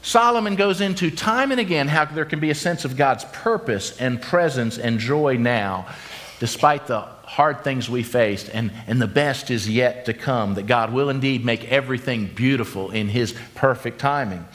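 Animated man in his fifties preaching. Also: mid-range voice. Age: 50s. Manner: animated storytelling, slows for emphasis. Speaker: pastor. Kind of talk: sermon.

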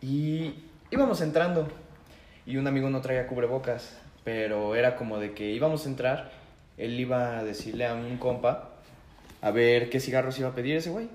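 A man's voice: mid-range voice, normal speed. A young man with a Mexican accent, co-hosting a casual podcast and telling a story full of slang and acted-out voices. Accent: Mexican Spanish. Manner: animated, acts out quoted voices, heavy slang. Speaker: podcast co-host. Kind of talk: casual storytelling among friends. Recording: roomy room with faint background noise.

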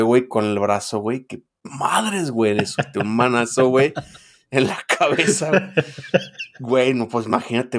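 Joking Mexican man in casual banter. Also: mid-range voice. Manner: joking banter, laughs often, fills speech with slang. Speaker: podcast co-host. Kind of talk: casual chat.

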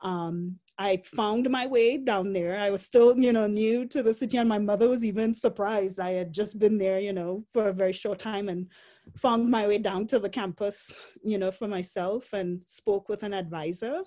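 A Trinidadian woman in her forties, speaking with a Trinidadian accent, tells her story as an interview guest, reflective and often laughing between fillers. Her mid-range voice is mellow, at a moderate pace.

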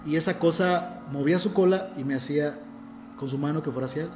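A man's voice: a little high, fast talker, darkish tone, faint music behind. Mexican man recounting a story, roomy sound. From Ciudad del Carmen, Mexico. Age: adult. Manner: earnest, self-aware, often restarts phrases. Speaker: guest telling a personal story. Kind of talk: casual storytelling in a conversation.

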